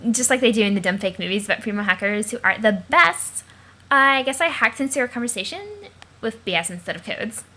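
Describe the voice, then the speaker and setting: A woman reading as a slangy, excitable teenage girl hacker who talks crudely and gushes. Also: medium pitch, brisk. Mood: boastful. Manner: crude, gushing, slang-heavy. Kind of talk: webcomic reading aloud.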